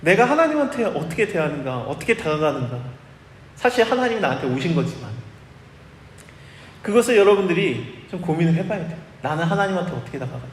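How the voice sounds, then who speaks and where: A pastor delivering an expository sermon, lively and acting out the quoted dialogue himself, recorded live in a church. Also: male voice, on the high side, fast talker, roomy sound, in a large hall, a little hiss or hum. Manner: animated, acts out quoted dialogue.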